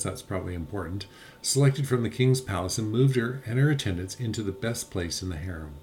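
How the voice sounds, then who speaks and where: A man's voice: lowish voice, darkish tone. Man, easygoing Bible study reader, laughs a lot, faint hiss behind. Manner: laughs often, stumbles over names. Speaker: podcast co-host reading scripture. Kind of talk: casual Bible study chat with reading aloud.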